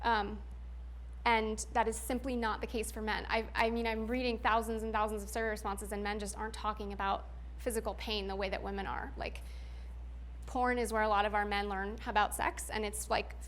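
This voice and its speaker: A woman's voice: medium pitch, level tone, fairly quick, fairly bright tone, a little hiss or hum. A young adult woman giving a candid talk, frank and chatty, full of "like" and "um" fillers, laughing often.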